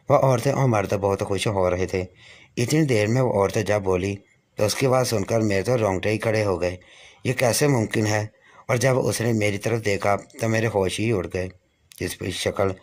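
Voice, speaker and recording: A man narrating a first-person moral story in a steady, even way. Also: lowish voice.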